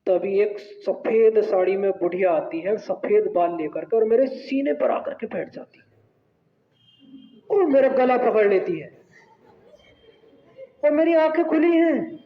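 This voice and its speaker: A male teacher telling a personal story to his class in an animated, conversational way. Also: sits high, a little slow. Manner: animated, conversational, asks "right?". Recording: echoey hall, tinny phone-like sound.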